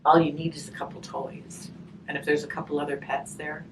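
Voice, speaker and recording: A hospice volunteer reads a picture book to children slowly and expressively, stopping to chat and ask them questions. Her voice is deep, and the distant mic picks up faint background noise.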